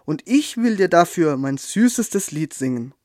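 Small brave nightingale, high pleading voice, slow and earnest, storybook, man putting on a voice, dry close sound. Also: big pitch swings, darkish tone, no echo.

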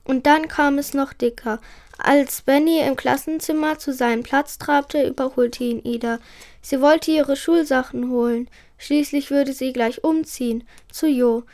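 A reader reading a children's book aloud, careful and expressive, then giving her opinion of it. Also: high voice, a little slow.

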